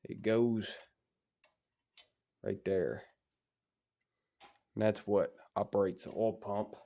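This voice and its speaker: In a muffled recording, a man with a lowish, steady, dark voice and some vocal fry speaks slowly. He's stuffy from a cold and talks plainly while he works, restoring an old engine in a cold workshop heated by a stove.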